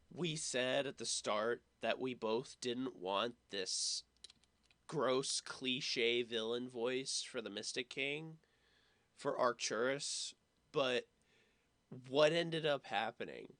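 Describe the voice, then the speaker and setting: Bright-voiced man giving slow casual commentary. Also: mid-range voice, dry recording. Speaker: watch party host, former production team member.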